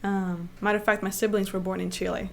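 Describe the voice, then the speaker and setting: A young adult woman from Honduras, guest on an interview show. She speaks in a lively, easygoing way, laughing often and filling gaps with ums. Her pitch sits in a middle range for a woman. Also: fast talker, vocal fry. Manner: animated, laughs easily, fillers like um. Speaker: financial advisor guest. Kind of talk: casual interview conversation.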